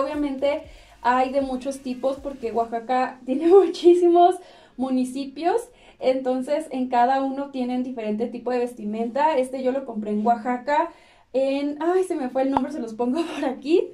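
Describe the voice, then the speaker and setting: Cheerful high-voiced woman vlogger, chatty. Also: normal speed, mellow, far from the mic. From Mexico. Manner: cheerful, chatty, laughs often. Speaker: fashion vlogger. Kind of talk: casual chat to camera. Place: small indoor room with clothes rack.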